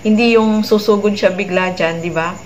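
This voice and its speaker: A woman comments conversationally for her audience, and her remarks often end in tag questions. Her pitch sits in a middle range. A faint noise runs underneath. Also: fairly even intonation, moderate pace, poor audio. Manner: chatty, with frequent tag questions. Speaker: vlog host commenting on a clip.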